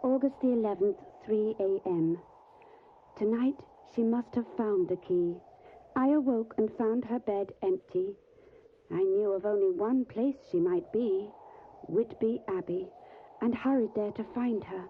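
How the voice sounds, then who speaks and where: An actress with an unhurried, natural, medium-pitched voice plays an earnest, caring young Victorian lady in an audio drama, proper and solicitous in manner. She performs scenes and diary narration in an anxious mood, and the audio sounds phone-like and faintly noisy.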